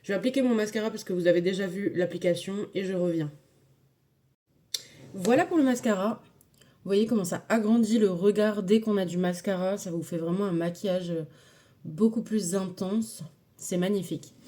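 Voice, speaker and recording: Woman, warm mellow tone, casual makeup tutorial chat, hesitant fillers, enthusiastic. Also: medium pitch, normal speed. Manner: chatty, filler-heavy, enthusiastic about products.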